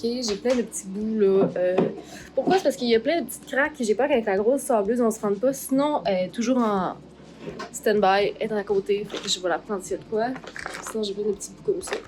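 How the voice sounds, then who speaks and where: A woman's voice: medium pitch, fast talker, noisy background. A woman with a Québécois French accent in a casual making-of vlog, explaining her steps informally and thinking aloud, with some English words mixed in. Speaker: craft artist, vlog host. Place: art workshop. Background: background music.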